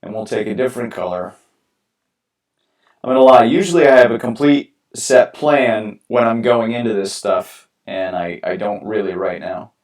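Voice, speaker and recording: A young man from New York talks loosely as he paints for a live stream, with lots of ums and restarts. His voice sits a bit low. He is set back from the mic in an echoey room. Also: moderate pace, far from the mic. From New York, USA. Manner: relaxed, rambling, many fillers and restarts. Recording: roomy sound from away from the mic.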